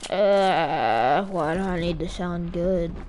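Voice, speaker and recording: A woman's voice: lowish voice, slow pace. A tired teenage girl playing a shooter game with a friend, mostly offhand and dry. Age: teens. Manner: offhand, dry, gets loud when lagging. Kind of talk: casual gaming banter. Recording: noisy home stream audio.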